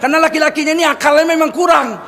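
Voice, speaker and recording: A man giving a lively, humorous sermon, telling stories with comic voices and asking the audience questions. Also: very high voice, very fast. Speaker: preacher. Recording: echoey hall with faint noise.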